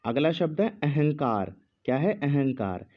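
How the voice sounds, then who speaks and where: Male teacher, slow measured dictation, muffled lo-fi sound. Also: on the high side, very animated. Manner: speaks slowly with pauses, repeats each word. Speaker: Hindi teacher.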